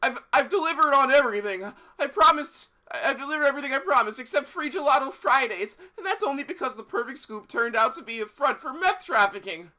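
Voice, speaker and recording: A reader playing a defensive, self-pitying young male mayor who rambles fast and indignantly, in a raised voice. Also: high-pitched, animated, sharp tone, pitched above the performer's own voice.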